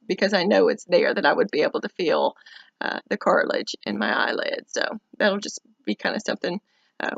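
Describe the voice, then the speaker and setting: A dry, close-sounding recording with a slightly muffled, lo-fi tone carries a woman talking casually to camera. Her voice creaks and crackles with fry. She speaks haltingly, pausing often as she gives a personal update. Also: mid-range voice, no room sound. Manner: hesitant, halting, with many pauses. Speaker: vlogger documenting recovery from eyelid surgery.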